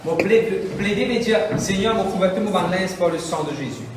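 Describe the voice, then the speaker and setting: A man preaching a sermon as pastor, with impassioned, repetitive phrasing and shouted bursts. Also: sits high, lively intonation, normal speed, a crowd in the background. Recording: echoey hall, mic from far off.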